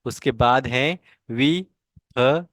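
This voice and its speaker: A man with a Marathi accent leads a language lesson, dragging out each word at a very slow, patient crawl and saying it several times over. His voice sits at a middle pitch. It sounds dry and close, with no room echo at all. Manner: slow, drawn-out repetition of each word for students to copy. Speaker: language teacher. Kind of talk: online language lesson, reading words aloud.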